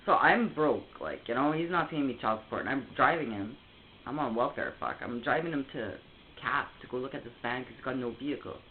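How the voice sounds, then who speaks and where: A woman's voice: extremely low pitch, expressive, a little fast. A woman, telling a story casually and heatedly on a call, swearing often and restarting her sentences. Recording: tinny phone line, faint hiss.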